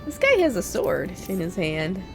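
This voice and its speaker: Woman game streamer, casual commentary, congested from a cold, blunt and grumbling, animated pitch, faint music behind. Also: moderate pace, gravelly. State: sick with chest congestion.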